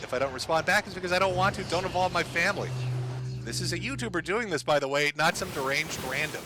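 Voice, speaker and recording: A man's voice: on the high side, animated, fast, noisy background. A man commentating on online drama while gaming, profane and mocking. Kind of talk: casual commentary.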